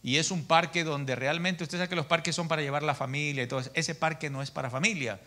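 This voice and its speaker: A middle-aged pastor preaching to his church in an animated, storytelling way, often turning to the congregation as brother. His voice sits somewhat high for a man and rings bright and forceful. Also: fast. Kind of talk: preaching a sermon.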